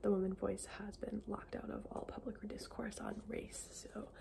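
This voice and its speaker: A woman whispering softly in an ASMR style as she chats about books, informal and halting, often trailing off. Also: medium pitch, level tone. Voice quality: soft unvoiced whisper. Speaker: ASMR book video creator. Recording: clearly noisy, with clicking sounds.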